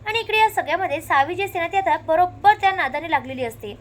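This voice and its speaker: Speaking fast in a very high voice, a woman tells the story of a TV serial episode in a lively recap, reciting the characters' lines in quick succession.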